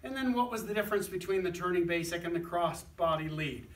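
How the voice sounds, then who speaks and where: A man's voice: sits high, quick pace, echoey room, recorded from a distance. A man teaching a dance lesson, explaining steps and counting them out rhythmically. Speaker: dance instructor.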